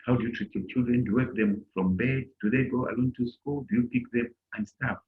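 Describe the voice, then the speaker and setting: A middle-aged man with a medium-pitched voice, speaking a little fast, teaches his online class German and acts out small dialogues at a raised volume. It's an indoor video call recorded on a laptop mic, so the audio is lo-fi.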